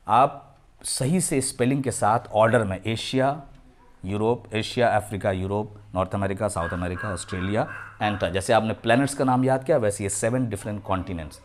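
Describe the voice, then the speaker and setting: A man teaching a children's geography lesson, mixing Hindi with English terms and slowly repeating names to drill pronunciation. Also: lowish voice. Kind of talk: classroom lesson for young children.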